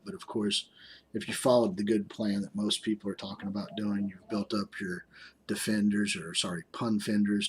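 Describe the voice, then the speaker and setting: A man's voice: lowish voice, fairly bright tone, a little hiss or hum. A man giving casual game commentary as a gaming YouTuber, rambling and hesitant with many ums, sounding tired. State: tired, yawning.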